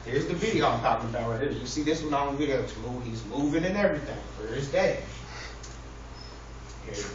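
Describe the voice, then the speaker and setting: With a medium pitch and lively intonation, a man speaks fairly quickly to an audience. He's a public speaker giving a lighthearted, informal talk that mimics an earnest preacher. It was recorded indoors in an echoey room full of listeners, and the sound is distant, very echoey, noisy and muffled.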